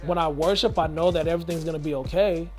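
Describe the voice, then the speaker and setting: A man's voice: on the high side, steady tone, fast, faint music behind. A man hosting an inspirational video, telling a story and then urging listeners, in an earnest, preacher-like way. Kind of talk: motivational storytelling talk.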